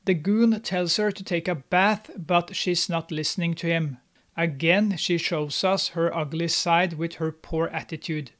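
A young man with a fairly high voice narrates a sarcastic movie recap as its host, steady, scripted and a little slow. He mocks the characters in a snarky tone, recorded on a studio mic while on camera.

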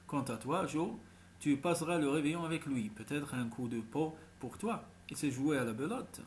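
A man's voice: fairly high pitch, lively intonation, normal speed, slight background noise, close to an everyday voice. A man doing a slick scheming crook. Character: scheming male crook, smooth talker.

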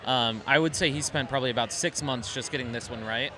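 A man's voice: mid-range voice, quick pace, a crowd in the background, rough recording. A young man giving a casual, polite product explanation in an interview. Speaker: company representative being interviewed. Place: trade show booth indoors. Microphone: handheld microphone held by interviewer.

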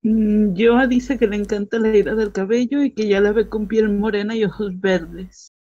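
A woman's voice: mid-range voice, fairly even intonation, moderate pace, dark tone, lo-fi sound. A woman from Venezuela, reading chat messages aloud and chatting casually.

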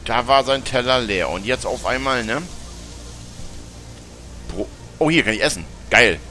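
A German man with a northern colloquial way of speaking does chatty, teasing let's play commentary, answering the game's characters as he plays. His voice is bright, animated and forceful at a measured pace, and he breaks into high-pitched laughter now and then. Faint music plays behind him.

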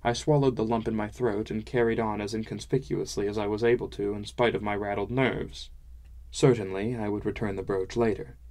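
A man narrating a fantasy audiobook in a measured, wry first-person style. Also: on the low side, darkish tone.

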